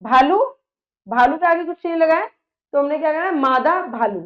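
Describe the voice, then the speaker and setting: A woman's voice: high-pitched, expressive, normal speed, highs cut off. A woman teaching a grammar lesson, patiently reading out word pairs and checking that her students follow.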